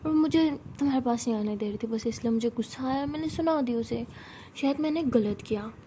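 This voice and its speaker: A woman voicing a gentle, caring young woman who talks softly and apologetically, with light joking. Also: on the high side, fairly quick, a little hiss or hum, close to an everyday voice.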